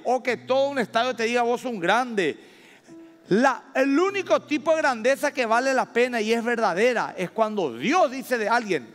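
A man with a Paraguayan Spanish accent preaching a sermon as pastor, stressing words slowly and rising loud at his high points. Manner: emphatic preaching with slow drawn-out stresses and sudden loud rises. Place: church hall. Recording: long reverb of a church hall.

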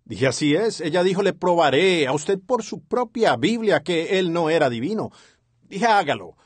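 Brief: man interpreter for a sermon dub, husky, earnest, lively intonation; dry studio voice-over. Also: a little high, normal speed, no echo. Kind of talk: dubbed sermon translation.

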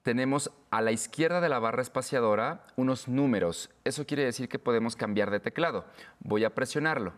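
A man's voice: medium pitch, in a large hall. Patient man explaining step by step. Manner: patient, explains slowly with pauses. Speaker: instructor. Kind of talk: step-by-step tech tutorial.

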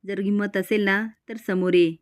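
A determined wife defending her family, voiced by a woman narrator. The lines are read plainly at a middle pitch. The sound is dry and close. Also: fairly even intonation, moderate pace, clear, resonant tone, dry recording, lightly acted.

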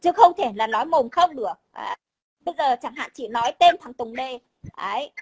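Brief: woman, high voice, blunt and combative, salty language. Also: lively intonation, brisk, slightly rough, rough recording. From Vietnam. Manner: blunt, combative, swears, keeps repeating a tag word. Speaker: overseas Vietnamese guest. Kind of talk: casual chat.

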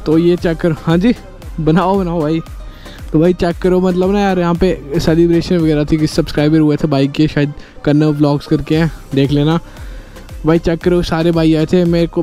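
A young man riding through city streets, narrating a casual vlog and calling out excitedly to his viewers. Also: on the high side. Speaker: moto vlogger. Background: music.

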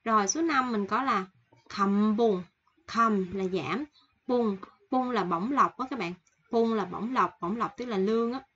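Woman teaching a language lesson, has a cold, keeps repeating words slowly, kinda dull lo-fi sound w/ faint hiss. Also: medium pitch, a bit bright. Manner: slow repetitive explaining, reading word lists. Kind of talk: casual online lesson.

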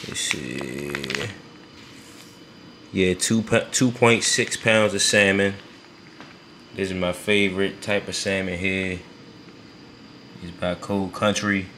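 Bright-voiced laid-back man vlogging. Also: sits low, a little hiss or hum. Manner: laid-back, addresses viewers as y'all. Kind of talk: casual vlog talk to camera. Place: home kitchen.

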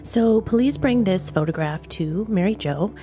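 A woman's voice: mid-range voice, animated, moderate pace, warm tone, soft background music. A woman hosting a true crime podcast, narrating the case in a conversational storytelling way with casual asides. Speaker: podcast host.

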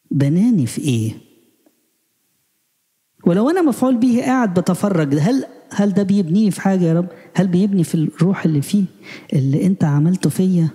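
A man with an Egyptian accent giving a spiritual sermon, asking rapid, pleading questions. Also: high voice, mellow, big-room sound. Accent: Egyptian Arabic. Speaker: preacher.

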